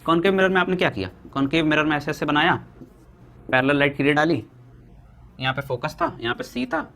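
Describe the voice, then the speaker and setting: A young Indian man teaching a physics lesson at a board, asking questions and answering them himself, slowing down to dictate definitions. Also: on the high side, animated, bright, forceful tone. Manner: asks students questions and answers them himself, repeating key points.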